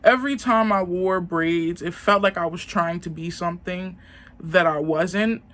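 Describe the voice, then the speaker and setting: A young woman vlogger tells a casual story to the camera, rambling along and filling gaps with "like." Her voice is fairly low and fairly bright, and she keeps a measured pace.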